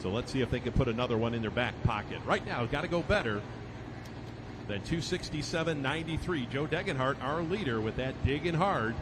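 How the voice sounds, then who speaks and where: A man's voice: lively intonation, fairly quick. A man calling a live tractor pull as the event announcer, building up the competitors and their records. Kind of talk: live motorsport event commentary. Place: outdoor tractor pulling event. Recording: noisy outdoor event with engine rumble.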